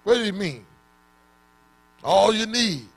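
A man preaching a sermon, questioning his congregation in call-and-response and bursting into shouts. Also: sits high, expressive, slow pace, gravelly.

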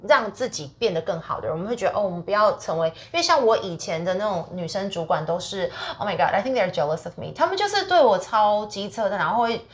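Fast-talking Taiwanese-accented woman. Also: medium pitch, animated. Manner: mixes English phrases into her Mandarin. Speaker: podcast co-host. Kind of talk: casual chat.

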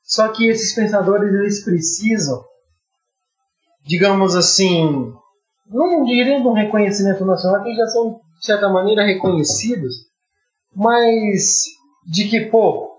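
A Brazilian man with a Brazilian Portuguese accent, talking in a halting, ironic way with many restarts on a casual podcast. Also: high voice, expressive. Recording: roomy, slightly dull audio with faint music.

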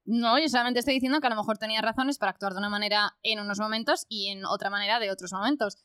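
Bright, blunt woman arguing theories. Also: medium pitch, fairly even intonation, rapid-fire, clean tone, no echo, studio quality. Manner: pushes for theories, blunt and swearing. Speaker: podcast co-host. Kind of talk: casual book-club chat.

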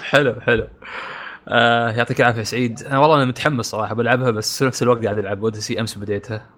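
A man's voice: mid-range voice, steady tone, racing, fairly bright tone. A man with an Emirati Arabic accent hosting a gaming podcast, easygoing and talking straight to the listeners. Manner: easygoing, addresses listeners directly. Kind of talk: casual gaming podcast chat.

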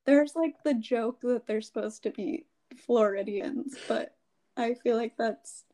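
Rambling young woman, higher voice. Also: measured pace, background noise. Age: young adult. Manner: rambling, many fillers. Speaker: podcast co-host. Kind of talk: casual chat.

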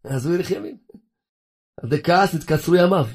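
A man's voice: on the high side, darkish tone, slightly rough. A man delivering a fervent religious sermon, firing rhetorical questions at his listeners. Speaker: preacher.

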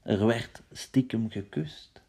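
A man's voice: medium pitch, slow, gravelly, warm tone, breathy edge. A man telling a children's story playfully and dramatically, dropping to whispers for suspense.

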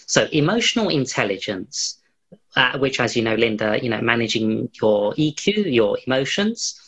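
A man's voice: mid-range voice, very animated, normal speed, fairly bright tone, husky, rough recording. A man hosting an interview, asking long, winding questions with many restarts. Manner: rambling, full of fillers and restarts. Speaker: interview host. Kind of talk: hosted interview.

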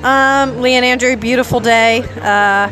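A woman's voice: on the high side, fairly even intonation, unhurried. A woman at a wedding reception giving short, giggly answers in casual chat. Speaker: wedding guest. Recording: outdoor party with music and crowd.

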